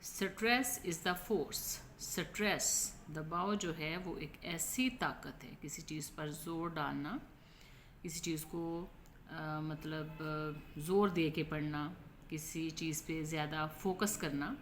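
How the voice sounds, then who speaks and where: A woman from Pakistan with a Pakistani accent, teaching an English textbook lesson. She reads the English lines slowly and then explains each one. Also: deep voice, steady tone, slight background noise.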